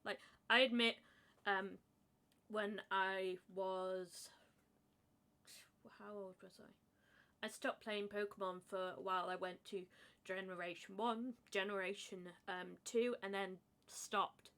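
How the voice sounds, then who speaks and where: A woman's voice: medium pitch, fairly even intonation, slow, bright, forceful tone. A woman chatting casually on a podcast, hesitant, with many ums and frequent laughs. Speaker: podcast co-host. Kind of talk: casual chat.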